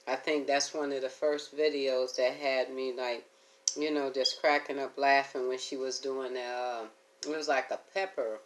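A woman's voice: very deep voice, level tone, normal speed. A middle-aged woman vlogging at home, chatting to her viewers in a rambling, homey way while she eats and hums between bites. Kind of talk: casual eating chat to camera.

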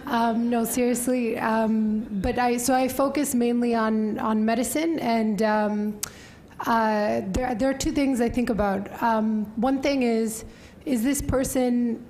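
A woman's voice: a little high, darkish tone. A young woman speaking as a journalist on a panel, conversational with frequent fillers, at a table microphone in a wood-panelled hall. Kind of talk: panel discussion remarks.

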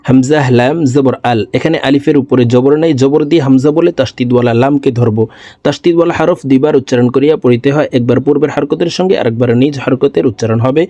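A man's voice: medium pitch, warm tone, dry recording. Man drilling recitation letter by letter. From Bangladesh. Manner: slow syllable-by-syllable drilling, explains pronunciation rules; slow melodic chanted recitation. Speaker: Quran recitation teacher. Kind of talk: spelling-out recitation lesson.

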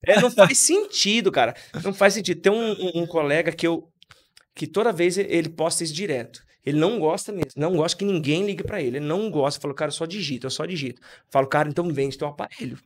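Man, podcast co-host, casual chat, emphatic, opinionated, highish voice. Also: quick pace. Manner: emphatic, opinionated, acts out quoted dialogue.

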